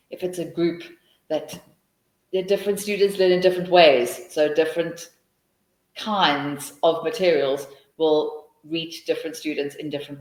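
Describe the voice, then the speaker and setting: A middle-aged South African teacher trainer answers webinar questions, thinking aloud and restarting often in South African English. Her voice sits low with a darkish tone, in a rough recording with an echoey room.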